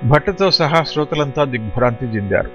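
A man narrating a storybook in a steady, explanatory storytelling manner. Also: medium pitch, fairly quick, highs cut off, faint music behind. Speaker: audiobook narrator. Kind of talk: scripted narration.

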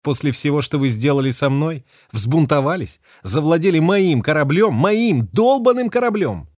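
A man's voice: mid-range voice, sing-song, normal speed, no room sound, clean studio sound. A man voicing a fierce, defiant young woman ship captain who talks sharply and curses. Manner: sharp, cursing, hissing. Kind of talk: audiobook character voice.

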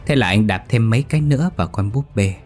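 A man narrating a scripted horror story in a measured, dramatic way. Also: lowish voice, lively intonation, darkish tone, husky, faint music behind.

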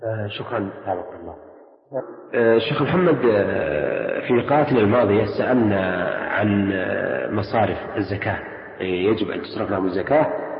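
A man's voice: fairly low pitch, brisk, long pauses. A man hosting a program, politely asking questions with frequent hesitant fillers. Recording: dull echoey old radio recording.

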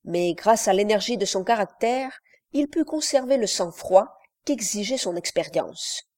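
A woman narrating a classic novel aloud in a measured, literary reading style. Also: medium pitch, animated, a little mellow. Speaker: audiobook narrator. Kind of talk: scripted narration.

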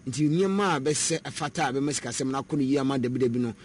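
A man breaks down football business on a radio sports panel, talking quickly and filling pauses with "eh". A faint background noise runs under his voice. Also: medium pitch. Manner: code-switching Twi and English, many "eh" fillers. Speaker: sports pundit.

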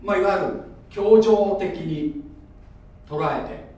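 A man's voice: high voice, takes it slowly, a little mellow. A man preaching a sermon, explaining like a teacher and asking the audience questions. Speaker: pastor. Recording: echoey room, voice from far off.

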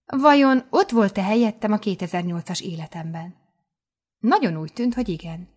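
A Hungarian woman narrating a first-person audiobook with lively, expressive storytelling. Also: medium pitch.

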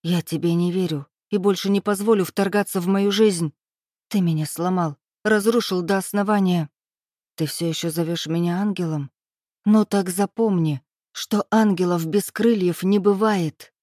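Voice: mid-range voice, a little slow, no echo, studio quality, natural voice. An audiobook reader voicing a proud, wounded young woman who speaks curtly and bitterly, her voice raised above the reader's own. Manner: curt, bitter, rising to shouts.

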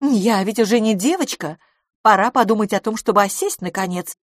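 A woman plays a flighty young society woman, coy and cautious. Her lines come out airy and hesitant, lifted up high. The recording is dry and close. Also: fairly quick, no echo, close to an everyday voice.

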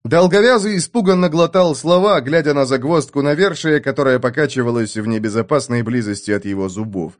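A man reading an adventure novel aloud in a mid-pitched voice, with lively, dramatic delivery of the action scenes. Expressive audiobook narration. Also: fairly quick, hardly any pauses.

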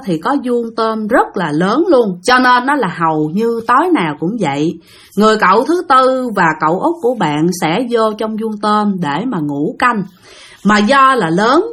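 A woman's voice: medium pitch, a bit bright. A woman narrating a ghost story in a chatty way, speaking directly to her listeners.

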